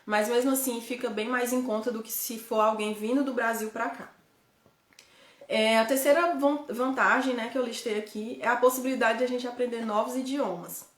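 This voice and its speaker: A woman with a Ceará accent chats with her viewers in a fairly high voice. She keeps tossing in quick tag questions and restarts her sentences mid-thought. Her voice rings in a roomy, echoey space. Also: steady tone. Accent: Northeastern Brazilian, Ceará. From Ceará, Brazil. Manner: chatty, frequent tag questions, self-correcting. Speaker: host, guide living abroad. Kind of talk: casual live chat to viewers.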